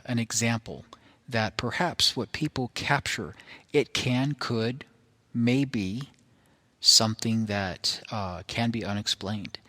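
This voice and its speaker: Slow, deliberate man with a low voice. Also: pushed and bright. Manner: deliberate, halting, careful phrasing. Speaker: presenter of a paranormal recording. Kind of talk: informal explanatory monologue.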